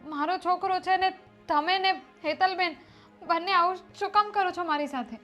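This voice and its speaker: High-voiced woman as a young daughter-in-law, meek, pleading, faint music. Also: normal speed, fairly bright tone, muffled recording. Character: young mother, put-upon daughter-in-law. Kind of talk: Gujarati film drama acting.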